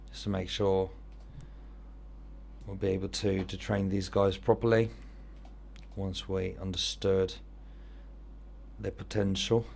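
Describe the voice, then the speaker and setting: A man's voice: on the low side, creaky, slight background noise. A man with an Italian accent giving casual commentary on an online football manager game, thinking aloud as he weighs his choices.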